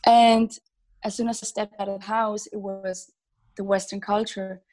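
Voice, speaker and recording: A young woman from Switzerland, a singer, answering interview questions casually with many pauses and little laughs. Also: medium pitch, little pitch movement, a little mellow, rough recording. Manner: hesitant, many ums, laughs between thoughts. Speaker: singer, podcast guest.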